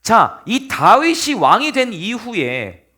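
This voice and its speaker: A man preaching a casual youth sermon as a youth pastor, telling the story in an animated way and speaking directly to his listeners. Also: sits high, slow pace.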